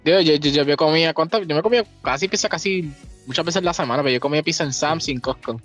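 A man's voice: on the high side, fast, fairly bright tone, faint music behind. A young man from Puerto Rico with a Puerto Rican Spanish accent, chatting casually on a podcast and switching freely between Spanish and English. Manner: switches between Spanish and English mid-sentence, laughs often. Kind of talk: casual chat.

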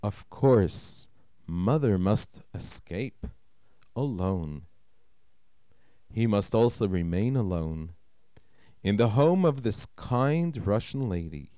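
A man tells a story slowly and with care, his voice rising and falling to give each moment weight. His tone is dark and mellow, and the recording is dry and close, with no room echo. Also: on the low side. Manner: slow, expressive, dramatic storytelling. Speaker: rabbi. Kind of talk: storytelling narration.

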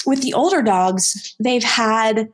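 Casting: chatty woman dog trainer, slightly high voice, rambling and casual. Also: slow pace. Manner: chatty, rambling with many ums and restarts. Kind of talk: casual interview chat.

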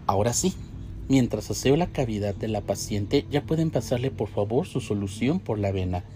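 Guy reading as a calm doctor giving firm polite orders, low dark voice, faint music behind. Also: normal speed, a little hiss or hum, natural voice. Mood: commanding. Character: male doctor, calm, commanding.

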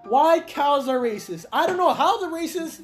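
A woman's voice: high-pitched, animated, moderate pace. A woman co-hosting a casual rant podcast, laughing often and repeating herself. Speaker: podcast co-host. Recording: music playing behind.

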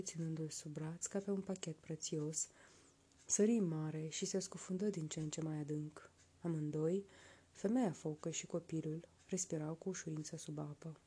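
A woman reading a folk tale aloud in a soft, slow, hushed narration. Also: deep voice, breathy edge. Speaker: storyteller.

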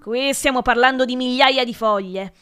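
Woman doing a yelling strict male teacher. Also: high voice, moderate pace, clean tone, faint music behind. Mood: angry shouting. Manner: yells and scolds. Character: stern shouting male schoolteacher.

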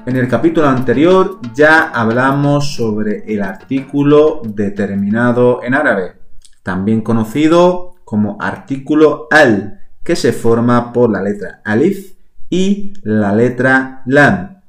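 A man teaching a language lesson on a podcast, slow and patient, repeating each word for his listeners. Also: mid-range voice, expressive, echoey room, soft background music. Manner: slow, patient, spells out words and repeats them.

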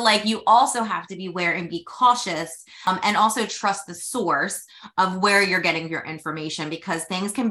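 A woman's voice: lowish voice, pushed and bright. A woman in her forties hosting a podcast, chatting casually and rambling with lots of fillers. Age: 40s. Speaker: podcast host. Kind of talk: casual interview chat.

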